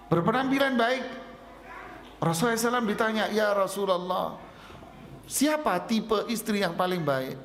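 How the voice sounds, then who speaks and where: A man preaching a sermon, telling stories and acting out both sides of the dialogue in a lively way. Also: a little high, a little hiss or hum. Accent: Indonesian. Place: mosque. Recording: echoey mosque hall.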